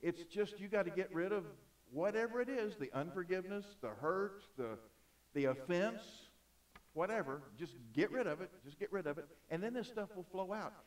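A man preaching a sermon in an auditorium, emphatic, swinging between loud and soft. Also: sits high, lively intonation, moderate pace, distant mic. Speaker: pastor.

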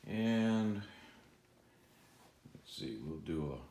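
A man giving a relaxed, rambling tour of his collection at home, filmed on a handheld phone, with frequent chuckles. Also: on the low side, extremely slow, echoey room. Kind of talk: casual filmed walkthrough. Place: room in a home.

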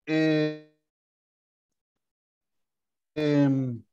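A man with an Argentine accent speaks through a muffled, lo-fi internet call feed, his fairly high voice dark and soft-edged. He questions a witness in a hesitant, apologetic way, full of fillers and restarts, and the poor stream flattens every word. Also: extremely slow, faint music behind. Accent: Argentine Spanish. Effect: poor-quality internet call audio. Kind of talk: courtroom questioning over a video call. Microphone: computer microphone on a video call. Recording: dull lo-fi online stream.

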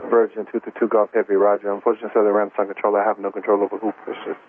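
Man, ground controller, radio, lowish monotone, matter-of-fact, procedural, tinny signal. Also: racing. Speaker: ground air traffic controller. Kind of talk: air traffic control radio instructions. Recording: narrow, slightly noisy aviation radio.

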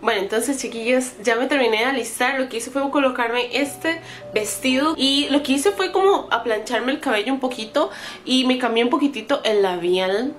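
A woman's voice: high voice, normal speed, soft background music. Chatty woman doing a makeup vlog. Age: 30s. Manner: chatty, self-correcting, talks straight to viewers. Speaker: beauty vlogger. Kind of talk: casual makeup try-on chat to camera.

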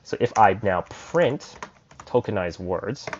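A man's voice: on the low side, animated, slow, lo-fi sound, slight background noise. A man casually explaining code in a screen-recorded programming tutorial, thinking aloud as he types.

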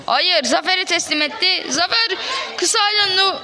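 Really high pitched lady doing live football commentary outside, loud crowd, lots of noise. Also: normal speed.

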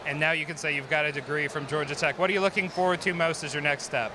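A man's voice: fairly high pitch, steady tone, fast talker, noisy background. A man interviewing graduates live with an enthusiastic, chatty manner, on a handheld mic in a crowded indoor gym. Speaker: social media manager interviewing graduates.

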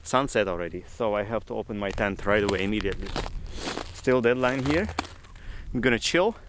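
A man in his thirties talking to camera from an ice-fishing tent, in broken non-native English and breaking into excited exclamations. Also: on the low side, fairly quick, noisy background. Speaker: fishing vlogger. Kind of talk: casual vlog narration to camera. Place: inside an ice-fishing tent on a frozen lake. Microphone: action camera mounted in the tent.

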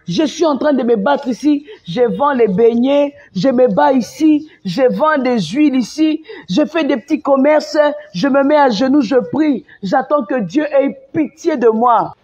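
Une femme avec un accent congolais qui s'emporte en direct sur son live, répète ses phrases avec insistance et passe du français au lingala. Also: female voice, sits high, expressive, a little slow, few pauses, a little mellow, breathy edge. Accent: Congolese French. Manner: emphatic and repetitive, mixing French with Lingala. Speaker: live-stream host. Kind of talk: impassioned live-stream rant. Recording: dull lo-fi sound.

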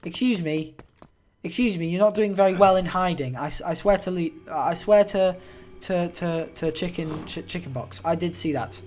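A young man giving excitable, joking, profane commentary while playing a game, close to his mic. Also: sits high, normal speed, slight background noise. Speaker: gaming commentator. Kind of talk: let's play commentary. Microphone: close desk mic.

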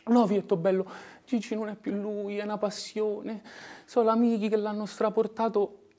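A man acting an anguished working-class son in a dramatic monologue, with a Roman dialect accent, moving between hushed murmurs and impassioned outbursts. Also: high-pitched, flat delivery, normal speed, lightly acted. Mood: anguished, heated. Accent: Roman (old Romanesco dialect). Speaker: actor.

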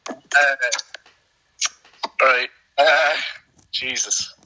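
A bright-voiced Irish man, a little high for a man, answering quiz questions on a podcast. He speaks slowly in halting fits and starts, stalling while he thinks. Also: low-quality recording. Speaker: quiz contestant.

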